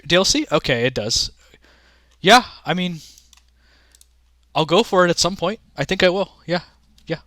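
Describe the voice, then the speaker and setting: A man's voice: high-pitched, fairly bright tone, dry recording, studio quality. A young man rambling casually to his chat during a livestream, often restarting sentences. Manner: rambling, chatty, talks to chat. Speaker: streamer.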